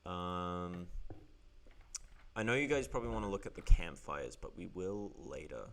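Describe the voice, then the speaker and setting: Playful deep-voiced gamer man. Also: sing-song, normal speed, fairly bright tone, a little hiss or hum. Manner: playful, thinks aloud, bursts into squeals and laughs. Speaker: gameplay streamer. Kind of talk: casual gameplay commentary.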